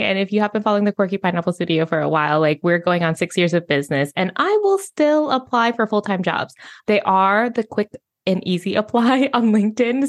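A young adult woman hosting a podcast, talking in a chatty, casual way with frequent laughs and fillers. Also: mid-range voice. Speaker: podcast host. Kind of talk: casual conversational interview.

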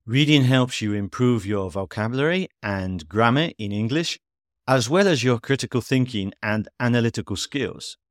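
A man teaching English in a scripted podcast lesson, reading at a steady, measured pace and spelling out examples clearly. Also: medium pitch, no room sound, studio quality.

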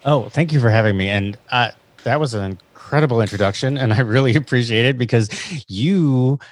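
A man's voice: medium pitch, a little fast, dry recording. A man speaking as a podcast guest, chatting casually in an earnest, effusive way. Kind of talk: casual interview conversation.

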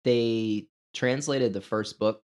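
A man's voice: mid-range voice, steady tone, slow. A man co-hosting a podcast in natural, unscripted casual talk, thinking aloud with some hesitation. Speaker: podcast co-host.

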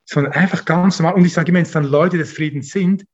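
A pastor speaks earnestly, often stumbling and repeating himself as he explains. His voice sits a bit high and sounds husky. The recording is slightly dull and lo-fi. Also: fast talker, a little mellow. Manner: earnest, frequent restarts and repeated words. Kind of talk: interview, casual conversation.

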